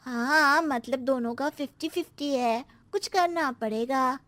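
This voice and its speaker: A lazy little schoolboy, drawls in a high, slow voice. He is cheeky and talks back like a cartoon brat, recorded very dry and close. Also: a bit bright, no room sound. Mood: matter-of-fact. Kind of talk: animated cartoon story voice acting.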